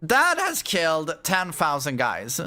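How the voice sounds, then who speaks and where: A man's voice: a little high, huge pitch swings, slow, sharp tone. A man streaming a game and giving profane, sarcastic running commentary. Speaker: gaming streamer. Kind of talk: casual gaming commentary. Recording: game music playing behind. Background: game music.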